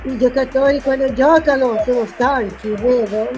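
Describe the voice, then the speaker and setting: A woman's voice: high-pitched, steady tone, moderate pace, music in the background. A woman giving brief, simple replies in casual chat as a guest on a video call. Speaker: guest co-commentator. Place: home room, video call. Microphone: video call microphone.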